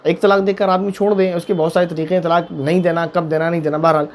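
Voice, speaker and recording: A man serving as mufti talks through viewers' religious questions in quick, rushing speech. His voice sits a little high, and he drives points home with repetition and pointed rhetorical questions. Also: little pitch movement, slight background noise. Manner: emphatic, repeats points, asks rhetorical questions. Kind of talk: religious Q&A talk.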